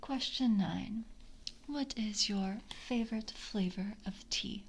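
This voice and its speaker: In a soft-spoken ASMR roleplay, a woman plays a polite, composed member of a vampire coven, with a calm, businesslike mood and a gentle, measured interviewer's manner. Her medium-pitched, creaky voice is soft and breathy, often dropping to a whisper, over slight background noise.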